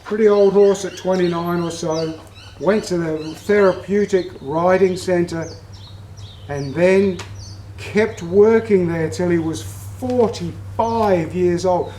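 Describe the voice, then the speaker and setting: A man's voice: sits high, slow, dark tone, echoey room, slight background noise, rough recording. An Australian man hosting a vlog, telling a story in a folksy, heartfelt way. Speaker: vlog host. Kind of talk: casual storytelling.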